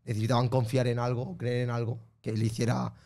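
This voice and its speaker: A young man with a hoarse, worn-down voice, talking on a casual podcast. He explains things at length, pausing and restarting as he goes. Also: mid-range voice, little pitch movement, mellow. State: hoarse, losing his voice. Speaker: podcast co-host.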